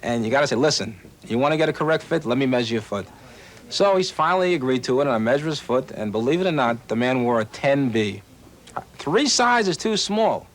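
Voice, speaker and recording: A man's voice: medium pitch, animated, brisk, slight background noise. A man from Western Pennsylvania, a shoe salesman, eagerly telling stories in a busy shoe store and acting out his customers. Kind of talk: interview and on-the-job talk. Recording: 1980s news film with faint ambience.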